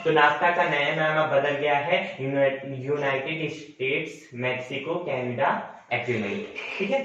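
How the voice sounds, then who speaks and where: The young coach's medium-pitched, fairly bright voice carries through a classroom lecture in which he repeats points, corrects himself, and addresses students as friends. A very echoey room and distant mic make the sound dull, with slight background noise.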